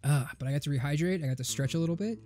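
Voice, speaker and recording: A young man with a slightly high, darkish voice talks rapid-fire over faint game music. A gaming host, he delivers joking, sarcastic let's play commentary as he plays a video game.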